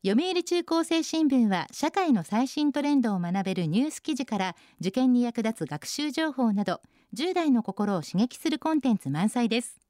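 This is a woman hosting a radio show, reading listener submissions and reacting with cheerful, chatty comments. Her voice sits fairly high and moves a lot in pitch. The studio sound is dry and close. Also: animated, moderate pace, few pauses, no room sound. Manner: bright, chatty commentary on each post. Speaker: radio host.

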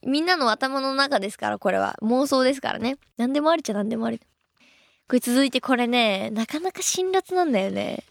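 A woman's voice: sits high, lively intonation, fairly quick, gravelly, no echo, studio quality. A young woman hosting a radio show, chatting casually and reading listener mail in a bubbly, self-deprecating way. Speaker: radio host.

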